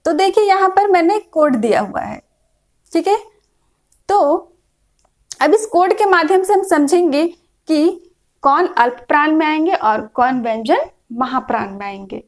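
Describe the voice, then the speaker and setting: A woman teaching a grammar lesson, explaining slowly and repeating each point, often checking whether her students follow. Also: sits high, expressive, rough recording. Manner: patient, repeats points, checks in with frequent "is that clear". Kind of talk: classroom lecture explaining a chart.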